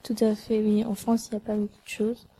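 A woman's voice: mid-range voice, monotone, fairly quick, mellow, slight background noise, poor audio. A woman student guest explaining matter-of-factly on school radio.

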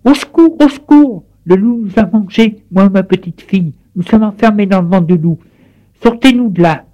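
A man voicing a shrill old grandmother. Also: lively intonation, normal speed, warm tone, lo-fi sound. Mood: pleading. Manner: shrill, pleading. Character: frightened, scolding old grandmother.

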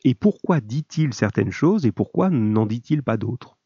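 Mellow male teacher in an echoey room. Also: medium pitch, expressive, measured pace, breathy edge. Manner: didactic, spelling out instructions step by step. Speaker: middle school French literature teacher. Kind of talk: lesson, explaining study questions to pupils. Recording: dull, echoey room recording.

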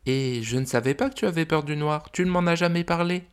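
Man voicing a gentle high mother dragon. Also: a little fast, clear, resonant tone, lightly acted. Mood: tender. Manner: soft, tender and reassuring. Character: gentle caring mother dragon, adult female.

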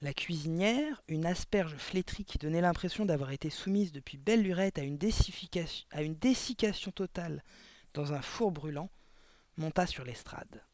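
A man narrating a children's novel chapter aloud, lively and expressive, adding small asides to explain words. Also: on the high side, normal speed, dry recording. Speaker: audiobook reader. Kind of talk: storybook reading aloud.

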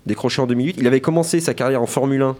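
Man presenter, casual sports chat, hesitant with restarts, mid-pitched. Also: very fast, a crowd in the background. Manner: hesitant, many fillers and restarts, self-correcting.

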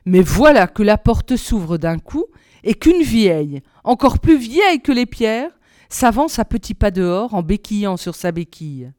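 A woman reading a fairy tale aloud in a measured, expressive storybook style. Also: medium pitch, no room sound, studio quality. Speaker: reader.

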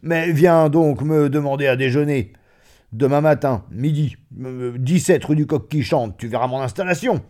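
A man voicing a boisterous, vulgar male old schoolmate who boasts loudly and laughs through his words, in a story reading. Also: normal speed, close to an everyday voice. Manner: loud, laughing, booming exclamations. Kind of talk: audiobook reading of a classic story.

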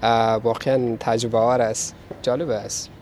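Medium in pitch and level in tone, this slightly mellow male voice comes with a little hiss or hum. He's a Dari-speaking refugee and interpreter with an Afghan accent, talking casually in halting English, giving testimony and interpreting while repeating words to stress them.

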